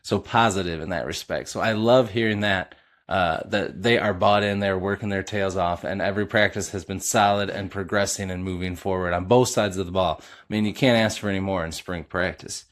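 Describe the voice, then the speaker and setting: A man's voice: low voice, steady tone, fairly quick, a bit bright. A middle-aged man hosting a sports podcast, an eager fan talking in a loose, casual way with plenty of filler uhs.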